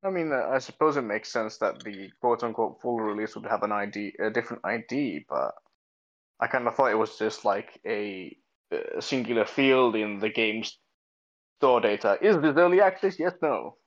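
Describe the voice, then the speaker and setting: A man chatting casually on a gaming podcast, relaxed and a little wry. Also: lowish voice, normal speed. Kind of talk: casual chat. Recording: dull lo-fi mic.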